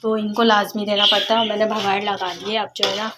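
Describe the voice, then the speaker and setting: A woman's voice: mid-range voice, flat delivery, a little fast. A young woman with a sore throat, chatting casually while cooking at home for her family vlog, rambling with many fillers. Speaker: family vlogger. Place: home kitchen. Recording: loud background noise.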